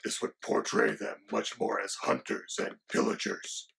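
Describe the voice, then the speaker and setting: A man voicing a mock-menacing male dragon sidekick who explains monster lore in a hushed, lecturing way. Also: low-pitched, huge pitch swings, unhurried, creaky, husky, full character voice. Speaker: co-host.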